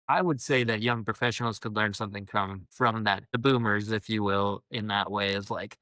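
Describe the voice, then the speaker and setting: A man's voice: mid-range voice, pushed and bright, no room sound, rough recording. A young man in his twenties giving earnest, reflective advice in a casual podcast conversation. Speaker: podcast co-host.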